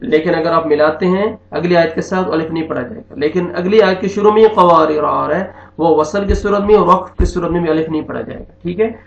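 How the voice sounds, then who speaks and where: A male Quran teacher explains reading rules with patient repetition, pausing often to check that his students follow. His voice sits a little high and carries a gravelly rasp. The recording rings in an echoey room and sounds dull and lo-fi. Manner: patient, repeats each rule with frequent check-ins. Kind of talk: recorded online lesson.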